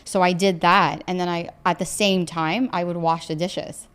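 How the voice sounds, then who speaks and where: A woman's voice: on the low side, steady tone, fairly bright tone, smooth. Chatty woman co-host from Ontario. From Ontario, Canada. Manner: chatty, quick to laugh. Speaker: podcast co-host. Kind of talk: casual chat.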